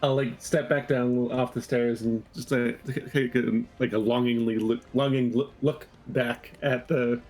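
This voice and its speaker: A man's voice: mid-range voice, steady tone, measured pace, few pauses, darkish tone, faint music behind, poor audio. A man playing a tabletop game, thinking aloud in a tentative way. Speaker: player.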